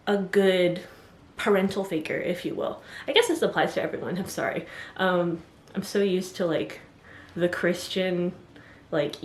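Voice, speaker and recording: A woman's voice: mid-range voice, echoey room. A woman vlogging to camera, talking in a rambling, chatty way full of "like" and apologetic asides, a bit out of breath as she stands. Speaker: vlogger giving self-love advice. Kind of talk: casual chat to camera. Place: indoor room, standing before the camera.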